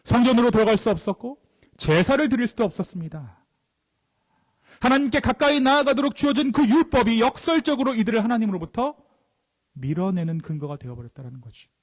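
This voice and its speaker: High, lively pastor preaching in a reverberant church. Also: male voice, fairly quick. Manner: rhetorical questions answered himself, dropping to soft low endings. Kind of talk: sermon. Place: church sanctuary. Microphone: handheld or stand mic.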